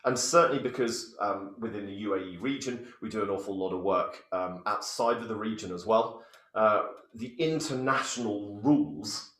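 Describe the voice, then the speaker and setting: A man's voice: on the low side, moderate pace, fairly bright tone. A man co-presenting a training webinar, chatty, with dry humour and mock-formal asides. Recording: roomy video call audio.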